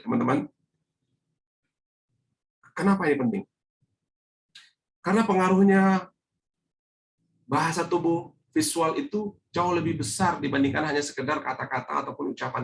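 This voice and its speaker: A man teaching as a speaking coach in an online webinar, lively and coaxing, often asking rhetorical questions over a video call. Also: fairly high pitch, normal speed, vocal fry, long pauses, a little hiss or hum, poor audio.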